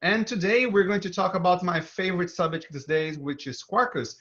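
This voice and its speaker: A developer advocate with a Brazilian accent presents an upbeat, enthusiastic tech talk, guiding viewers through a live coding demo. His voice is high and a bit bright at normal speed, heard through dull, band-limited video stream audio.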